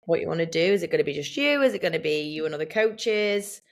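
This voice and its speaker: A woman giving brisk, list-like business advice in a casual podcast Q&A. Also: sits low, animated, creaky. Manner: brisk, lays out points as a list.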